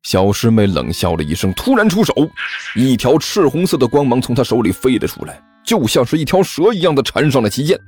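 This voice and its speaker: Lively male audiobook narrator. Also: mid-range voice, fairly quick. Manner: expressive, lively storytelling delivery.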